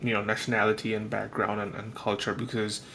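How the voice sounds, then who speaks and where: A man's voice: lowish voice, level tone, a little fast, creaky, sharp tone, a little hiss or hum. A man hosting a podcast, asking loose, musing questions with many fillers in a casual conversation. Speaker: podcast host. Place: lives in Australia.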